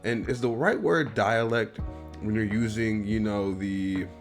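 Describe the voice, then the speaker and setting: A man with a Midwestern US accent talks through an album review in a loose, rambling way, swearing freely. His voice sits a little low, and soft music plays faintly behind him. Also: measured pace. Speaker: host.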